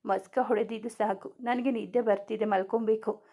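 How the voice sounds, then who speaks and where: Brief: a weary young mother, sulky and curt, read by a woman, with a higher-pitched voice. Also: steady tone, moderate pace, mellow. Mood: tired sulky.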